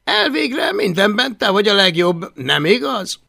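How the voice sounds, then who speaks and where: A man's voice: sits high, very animated, creaky, pushed and bright, voice pushed up, exaggerated voice. A man reading an audiobook and voicing a sarcastic, scrawny teenage Viking boy who mocks in a dry way. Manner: sarcastic, mocking.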